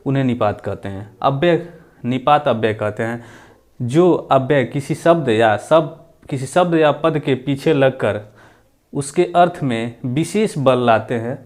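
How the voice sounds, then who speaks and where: A man teaching a grammar lesson. He repeats example sentences and stresses key words loudly. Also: on the high side.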